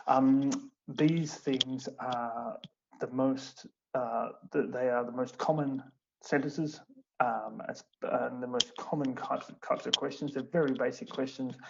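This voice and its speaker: A man's voice: medium pitch, vocal fry. A man, an English teacher explaining things in an online seminar, with many fillers and restarts. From Australia. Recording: muffled online stream with background noise.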